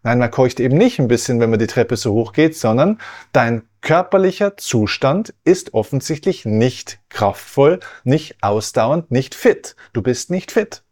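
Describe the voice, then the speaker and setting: A man hosting a health podcast, explaining slowly in a teaching monologue. He repeats and rephrases his points and often checks in with a quick "ja?". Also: medium pitch, lively intonation, darkish tone. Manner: didactic, repeats and rephrases, asks rhetorical questions with "ja?". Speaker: podcast host.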